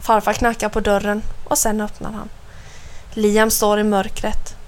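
A woman narrating a children's audiobook with clear, expressive storytelling. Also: mid-range voice.

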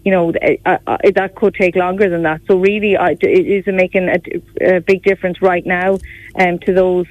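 A woman's voice: lowish voice, little pitch movement, normal speed, no room sound. A woman with a west of Ireland accent talking politics in a radio interview, in a conversational way peppered with filler phrases. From Galway, west of Ireland. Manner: conversational, frequent "you know" and "like". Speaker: opposition politician. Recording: dull, dry radio sound.

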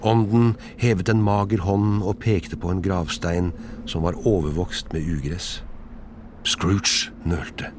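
A man giving an expressive, dramatic storybook narration. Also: low-pitched, background noise.

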